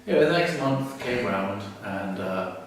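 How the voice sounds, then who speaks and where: A man's voice: on the low side, lively intonation, normal speed, a little hiss or hum. A man teaching a religious story in a casual, humorous way as a lecture. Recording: echoey room, far from mic.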